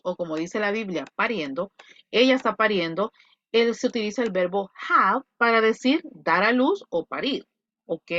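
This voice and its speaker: A woman, a Spanish speaker, teaching an English class online and voicing her students' questions in an animated way. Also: a little high, no room sound, highs cut off.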